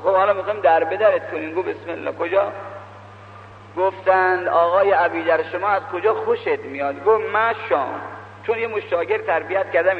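A man preaching a sermon, telling a story as a string of quoted exchanges and speaking straight to his listeners. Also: sits high. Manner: retells dialogue with many "he said" turns; exhorting the listeners directly. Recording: echoey hall, dull lo-fi with faint hum.

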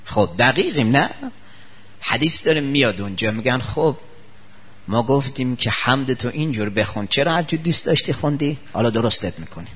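A man's voice: lively intonation, husky. A male preacher giving a sermon full of anecdotes, acting out the people he quotes with sudden jumps in his voice. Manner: acts out quoted people with sharp pitch jumps.

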